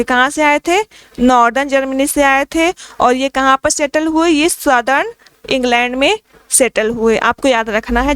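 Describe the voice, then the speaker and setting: A woman with a high, fairly bright voice teaches an exam-prep literature lesson, posing questions and answering them herself. She repeats key points and works English lines into her explanation, with no room sound present.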